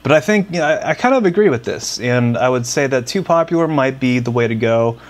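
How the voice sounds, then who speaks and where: A man's voice: mid-range voice, lively intonation, brisk. A young man co-hosting a casual podcast, rambling with frequent restarts and fillers. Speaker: podcast co-host. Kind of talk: casual chat.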